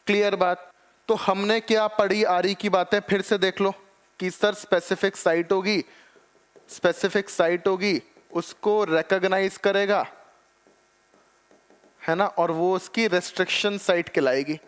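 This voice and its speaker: A man with a raised, high-pitched teaching voice delivers an exam-prep biology lecture. He explains step by step, addresses the students as children, and keeps checking that they follow. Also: fairly even intonation, unhurried, smooth. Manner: calls students "children" and "beta ji".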